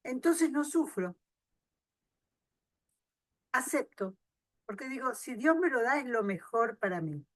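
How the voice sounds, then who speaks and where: A woman pastor, preaching a sermon and swinging from loud emphasis to soft asides. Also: sits high, expressive, takes it slowly, pauses often, dry recording.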